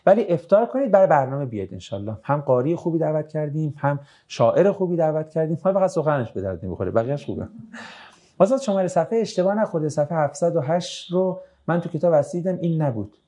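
A man teaching religion, reading out audience questions and answering them in a brisk, conversational way with dry joking asides. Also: a little high, expressive, warm tone.

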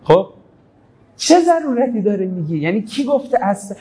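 A man's voice: high voice, very animated, mellow, rough recording. A man giving a religious talk, telling stories in a conversational way and quoting scripture. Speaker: preacher.

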